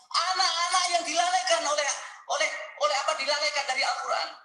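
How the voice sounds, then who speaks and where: A man preaching a sermon, telling a story with deep emotion and speaking straight to his listeners. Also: steady tone, quick pace, pushed and bright, reverberant, faint music behind, poor audio. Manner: emotional, earnest storytelling, addresses listeners directly. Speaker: Islamic preacher. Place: mosque hall.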